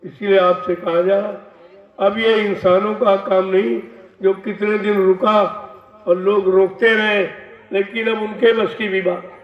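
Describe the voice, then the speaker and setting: A man with a high but flat voice delivers a devotional sermon slowly, warning his listeners. He speaks from some distance away from the mic. The recording is dull and lo-fi, with heavy echo from a large hall. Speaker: spiritual teacher.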